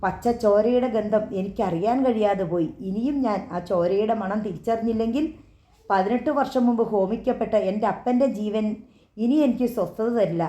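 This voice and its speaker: A woman voicing a grown daughter who speaks in a firm, measured, accusing voice. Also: medium pitch, warm tone, reverberant, close to an everyday voice. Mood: bitter, firm.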